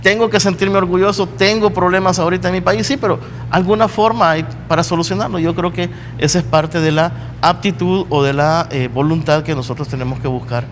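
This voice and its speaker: Passionate Salvadoran man, slightly high voice. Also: fairly even intonation, brisk, a little hiss or hum. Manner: passionate, emphatic, rhetorical questions. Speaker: university guest. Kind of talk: earnest studio interview talk.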